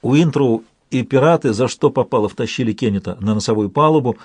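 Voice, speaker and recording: A man reading a fantasy audiobook in steady scripted narration. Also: medium pitch, a little fast, slightly rough, no room sound.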